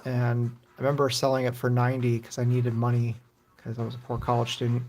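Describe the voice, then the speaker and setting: A middle-aged man streaming old console games live, chatting in a loose, rambling way with casual swearing. His voice has a gravelly edge of vocal fry. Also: medium pitch, monotone, fast talker, a little mellow, faint music behind. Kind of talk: casual gaming commentary.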